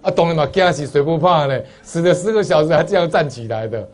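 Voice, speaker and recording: A man with a Taiwanese Mandarin accent telling stories in a Buddhist talk. He jumps from loud, high exclamations to soft, low asides. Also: fast. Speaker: Buddhist lay lecturer.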